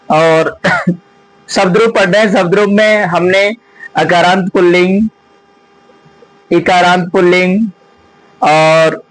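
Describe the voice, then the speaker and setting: Slow, sing-song Sanskrit teacher, man. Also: high-pitched, no echo, rough recording. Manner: slow, repeats forms in a sing-song drill and asks rhetorical questions. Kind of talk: online grammar lesson with chanted recitation.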